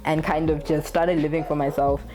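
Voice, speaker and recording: A woman's voice: sits low, level tone, a little fast, over music. A young adult woman talking casually to camera in a candid, blunt way, swearing freely. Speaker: vlogger.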